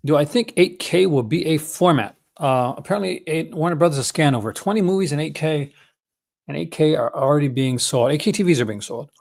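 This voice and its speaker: A fairly high-pitched, animated man with vocal fry and a darkish tone speaks briskly. He's a Newfoundland-accented host of a movie-collecting vlog from Newfoundland, Canada, chatting unscripted in a folksy, enthusiastic style.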